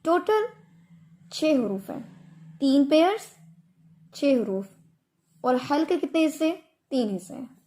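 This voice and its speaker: This woman has a high, warm voice and a very animated delivery. She is teaching Quran recitation online, taking her time with patient explanations and stretching out each Arabic example.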